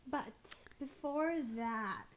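A woman's voice: high voice, animated, extremely slow, rough recording. A young woman co-hosting a podcast in casual, chatty talk full of fillers. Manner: giggly, chatty, lots of fillers. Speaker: podcast co-host. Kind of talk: casual chat.

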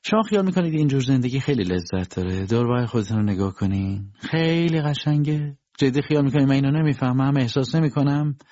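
A man's voice: medium pitch, animated, mellow, no room sound, lo-fi sound, pitched above the performer's own voice, close to an everyday voice. A scornful capricious young woman, as a man puts her on. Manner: scornful, teasing. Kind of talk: audiobook reading.

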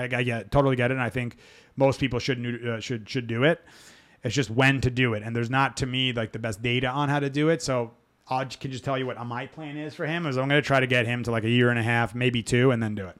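A man's voice: medium pitch, a bit bright, clean tone. A man hosting a live dog-training Q&A podcast, talking frankly in a rambling, self-interrupting way. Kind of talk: casual live Q&A chat.

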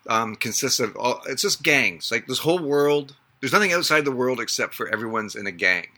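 Stammering man with a bright voice. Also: medium pitch, animated, fairly quick. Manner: stammering restarts, laughs often. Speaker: podcast co-host. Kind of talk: casual drinking chat about a film. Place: hot video store.

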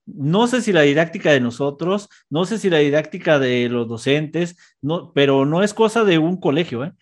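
A man's voice: on the high side, lively intonation, normal speed. A man, a schoolteacher hosting a live stream, chatting casually and reading out viewers' greetings. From Mexico. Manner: friendly, reads out viewer greetings. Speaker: teacher at a school.

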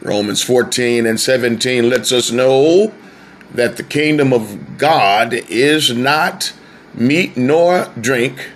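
A man preaching a sermon, slow and drawn out, lifting his voice on key words. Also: mid-range voice, slight background noise.

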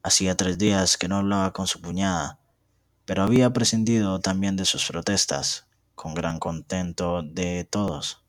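Deep-voiced young man reading a novel aloud. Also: dry recording, clean studio sound. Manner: steady, measured reading. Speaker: student narrator.

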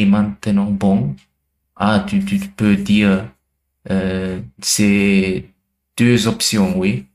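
A man learning French in a language exchange, speaking haltingly with many pauses and fillers. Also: fairly low pitch, a little mellow. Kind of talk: casual tutoring over a call.

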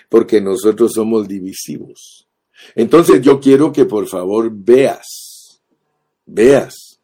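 A preacher delivers his sermon in an unhurried, deliberate way, leaning on repeated phrases and turning often to address the listener directly. His voice is low, mellow and a little husky, and he speaks. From Guatemala.

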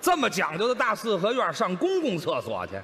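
A man with a Beijing accent playing the supporting role in crosstalk comedy, chiming in quickly and protesting in exasperation. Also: sits high, wildly swooping pitch, pushed and bright, slight background noise. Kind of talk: comic crosstalk backing.

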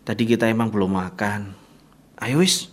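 A man's voice: fairly low pitch, lightly acted. An actor playing a cautious young man, reluctant and nervous, in a radio drama. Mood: uneasy. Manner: nervous, reluctant, fast comebacks.

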